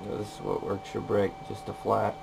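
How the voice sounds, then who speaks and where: A machinist demonstrates a repair in a casual, plain-spoken walkthrough, using short informal phrases. His voice is on the low side, steady and at normal speed, with workshop ambience clearly audible behind him.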